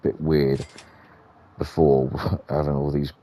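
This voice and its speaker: A man's voice: a bass voice, level tone, takes it slowly, dark tone. A British man giving rambling, understated, casual gameplay commentary as the host of a gaming video.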